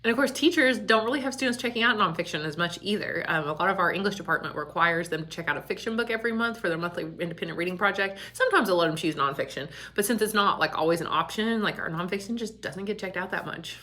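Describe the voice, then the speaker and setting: A woman's voice: fairly low pitch, fast talker, few pauses, bright, forceful tone. A woman school librarian chatting casually and laughing often, her voice echoing around an empty back storage room. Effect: echoey empty room. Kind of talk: casual video chat.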